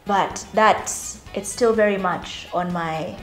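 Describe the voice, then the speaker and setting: A woman's voice: medium pitch, takes it slowly. A woman in her thirties talking candidly to camera about her career, chatty and at times close to tears. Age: 30s. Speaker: media personality and vlogger. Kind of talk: emotional reflective talk to camera. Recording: roomy echo with faint music.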